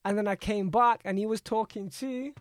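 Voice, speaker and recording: A man's voice: high voice, steady tone, normal speed, no room sound. A man with an urban London roadman accent, telling stories casually in slang as a podcast guest and repeating his phrases. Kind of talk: casual conversational storytelling.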